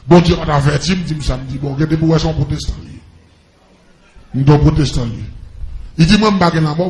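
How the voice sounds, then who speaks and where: A man with a Haitian accent preaches a testimony to a congregation, calling out to them with fervor in impassioned preaching. His voice is on the high side, and the sound is roomy.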